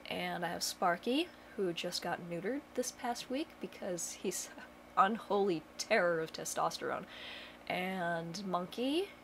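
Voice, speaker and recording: At home in her bedroom, a young woman vlogger talks casually to the camera in a low, creaky voice with a faint hiss or hum. She rambles, using plenty of fillers and dry, self-deprecating humor.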